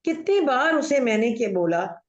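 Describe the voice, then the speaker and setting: A woman's voice: fairly high pitch, sing-song, measured pace. A woman acting a chatty, bossy middle-aged aunt in a play over a video call, mixing in English while she tells family stories. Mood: scolding. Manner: mixes Hindi with English, gossipy storytelling. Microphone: video call audio. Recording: echoey room, dull muffled audio.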